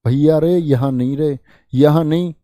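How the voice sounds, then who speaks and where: A man's voice: fairly high pitch, unhurried, mellow, no echo, studio quality. A man with a north Indian Hindi accent teaching an exam-prep lesson online, drilling word spellings, repeating each word and quizzing his students in a chummy way. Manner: chummy, calls students bhaiya and bachcha.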